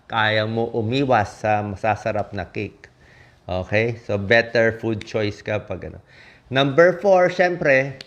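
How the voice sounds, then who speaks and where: A Filipino doctor with a mid-range, somewhat bright voice gives health tips in a casual, emphatic talk, though the audio is dull. He rattles off punchy lists and keeps checking in with listeners, often asking "di ba?"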